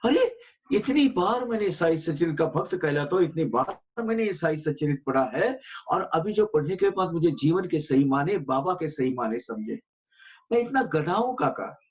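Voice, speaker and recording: A man's voice: a little high, big pitch swings, normal speed. A man voicing a remorseful grown man who pleads on the phone and reproaches himself.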